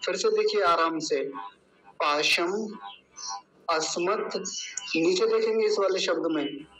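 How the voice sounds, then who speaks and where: A man teaching mantra pronunciation, drawing out each syllable in a slow recitation. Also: sits high, fairly bright tone, low-quality recording.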